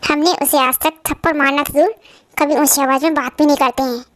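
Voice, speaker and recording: A woman voicing a calm young husband and protective older brother in an amateur fan dub, speaking patiently. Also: high-pitched, a little fast, no echo. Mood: explaining.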